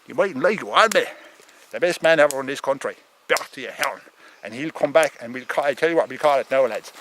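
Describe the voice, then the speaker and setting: A man's voice: mid-range voice, lively intonation, brisk, fairly bright tone, a little hiss or hum. A man with a thick rural Irish accent giving a rambling comic monologue as an opinionated farmer, stammering, repeating himself and swearing.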